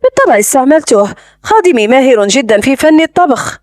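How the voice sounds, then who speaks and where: A woman's voice: sits high, very animated, quick pace, darkish tone, dry recording. A woman voicing a domineering young fiancé who speaks coldly and with command, read as audiobook dialogue. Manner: cold and commanding. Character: domineering young man, a fiancé, curt and forceful.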